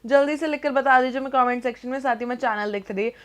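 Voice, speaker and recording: A woman's voice: high-pitched, fast. A young adult woman presenting entertainment news in a chatty scripted narration, slipping English phrases into her talk.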